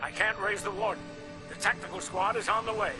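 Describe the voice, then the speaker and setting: An actor playing an earnest, anxious older police commissioner in a dramatic game cutscene. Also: male voice, sits high, fairly even intonation, fairly quick, natural voice. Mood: urgent. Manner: urgent, earnest reporting. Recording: music behind the voice.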